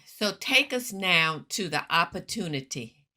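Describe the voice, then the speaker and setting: Woman host, lowish pitch, bright forceful tone, directive questioning. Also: sing-song, a little slow. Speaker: podcast host. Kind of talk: interviewing.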